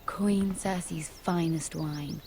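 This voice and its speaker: Fantasy game handmaiden: young, lowish voice, playful, persuasive, friendly. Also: female voice, steady tone, slow, a little mellow, faint music behind. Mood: playful, coaxing. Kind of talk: video game voice acting.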